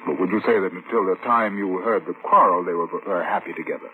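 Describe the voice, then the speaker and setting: A low-voiced man, lightly acted, portrays a formal and methodical police inspector recounting his case in a 1940s-1950s radio drama. He questions people courteously with measured, probing care, and the vintage recording is tinny and full of hiss.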